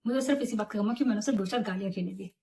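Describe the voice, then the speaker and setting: Young woman vlogger, chatty storytime, animated retelling, mid-pitched. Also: racing, creaky. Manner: animated, chatty retelling with English words mixed in. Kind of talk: casual storytime vlog.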